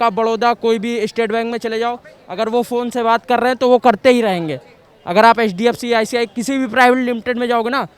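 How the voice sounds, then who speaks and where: High, clear-voiced man sounding off. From Uttar Pradesh, India. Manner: emphatic, blunt, repeats points forcefully. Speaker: passerby interviewed on the street. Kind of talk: street vox-pop opinion.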